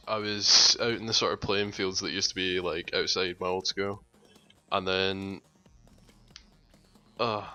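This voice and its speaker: A Scottish man co-hosting a gaming channel chats casually over a game, ribbing his friend in a dry, sweary manner. His voice sits low with a sharp tone.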